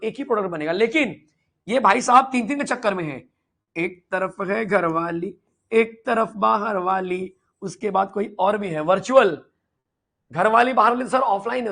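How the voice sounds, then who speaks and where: A lively man teaching chemistry in an online lecture playfully teases his students, asking them questions and answering for them. His voice sits high and sounds gravelly and slightly rough.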